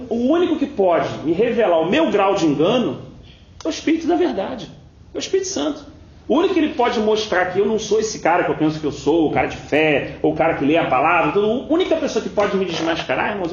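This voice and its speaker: A man's voice: sits high, slight background noise. A man with a Brazilian Portuguese accent leading an informal Bible study, asking many rhetorical questions. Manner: conversational, full of rhetorical questions. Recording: roomy, dull lo-fi sound.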